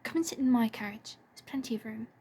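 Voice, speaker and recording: A woman voicing a frowning, possessive young boy who speaks in a measured, aloof way in a storybook reading. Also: a little high, dark tone, slightly rough.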